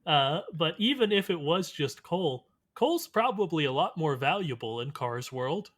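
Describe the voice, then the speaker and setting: Playful man in podcast banter, slightly high voice. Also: expressive, measured pace, a bit bright. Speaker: podcast co-host. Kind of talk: casual chat.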